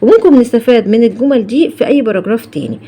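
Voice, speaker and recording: A woman's voice: fairly high pitch, lively intonation, very fast, mellow, slightly rough. A woman with an Egyptian Arabic accent explaining an English lesson, who poses questions to her students and then answers them herself. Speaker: English teacher.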